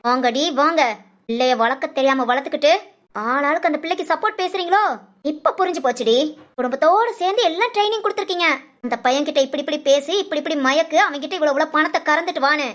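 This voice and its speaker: Scornful middle-aged rich mother, high-pitched, harsh and bossy. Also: fast talker. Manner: shouting insults, contemptuous. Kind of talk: storybook voice acting.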